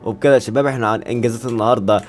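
A man's voice: mid-range voice, fairly even intonation, very fast, darkish tone. A man with an Egyptian Arabic accent giving casual gameplay commentary, joking and talking straight to his viewers. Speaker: gaming YouTuber.

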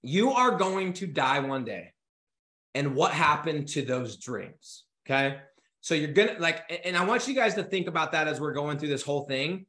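Male, 30s, business coach, punchy motivational delivery, casual swearing; bright edge, roomy echo. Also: a little high, normal speed. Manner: energetic, urgent, swears casually; gestures a lot with his hands while talking. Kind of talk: motivational talk to camera. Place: home office with bookshelves.

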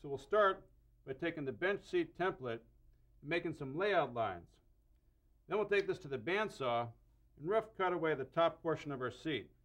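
A middle-aged man hosts a woodworking lesson from his workshop, speaking in a slightly raised register. He explains each cut clearly and methodically, with a touch of enthusiasm for his tools and jigs. A lapel mic keeps his voice close amid the shop space. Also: fairly high pitch, animated, normal speed, a bit bright. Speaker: host and woodworker. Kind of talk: instructional woodworking demonstration. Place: indoor wood workshop.

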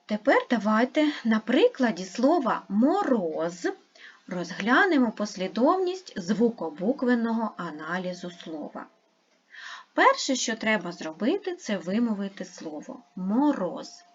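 A woman teaching an online lesson to young pupils, speaking slowly and carefully as she spells out sounds and syllables. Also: medium pitch, sing-song, dull audio, slight background noise. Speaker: primary school teacher.

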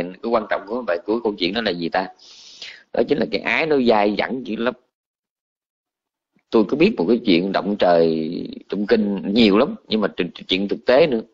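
A man, a Buddhist monk, telling a story in a colloquial, animated sermon. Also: on the low side, highs cut off.

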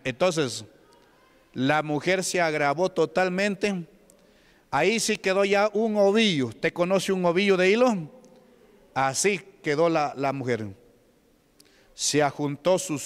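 A man's voice: a little high, smooth. A man with a Peruvian Spanish accent, a deacon preaching a testimony sermon, telling a story and asking the congregation questions. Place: church hall. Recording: long hall reverb.

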